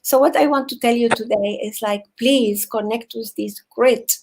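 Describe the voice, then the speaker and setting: Earnest woman psychotherapist speaking haltingly. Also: on the high side, vocal fry, a little mellow, rough recording. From Venezuela. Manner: earnest, halting, repeats words as she searches for phrasing. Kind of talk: heartfelt motivational speech.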